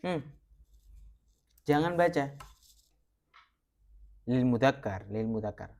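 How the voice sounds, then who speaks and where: A male Arabic teacher runs a classroom lesson, calling on students one by one. He speaks slowly and patiently, with a lively, rising and falling voice. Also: medium pitch. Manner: patient, quizzing students by name, switching between Arabic and Indonesian.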